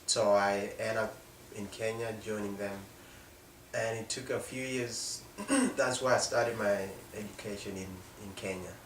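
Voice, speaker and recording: A young man, low-voiced with a South Sudanese accent, narrates his own experiences spontaneously, stumbling and often abandoning sentences partway. The sound is roomy and echoing, captured at a distance with a little noise.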